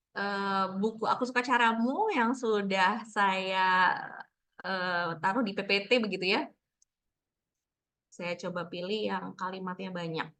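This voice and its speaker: A woman leads an online workshop on reading aloud, speaking in a relaxed, reassuring manner. She uses a lot of fillers, and her voice sits at a middle pitch. The sound comes over a video call. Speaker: read-aloud workshop facilitator. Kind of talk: casual teaching on a video call.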